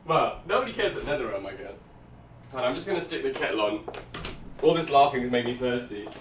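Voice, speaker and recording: A male streamer talks over a video in casual live commentary, his pitch leaping around as he mocks and laughs. His voice sits at an ordinary middle pitch, and he keeps turning to address his chat. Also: animated, fast, a little hiss or hum.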